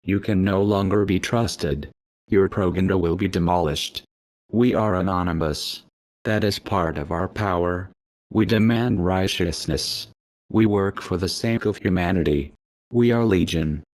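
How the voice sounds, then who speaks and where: A man reading a scripted warning statement as a masked activist spokesman, his voice disguised to sound deep, slow and solemn. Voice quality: slow, flat, solemn delivery.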